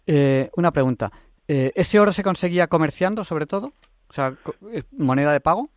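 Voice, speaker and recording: A man hosting a live call-in radio show, hurried and stammering as time runs short. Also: fairly high pitch, lively intonation, no room sound, clean studio sound. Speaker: radio host.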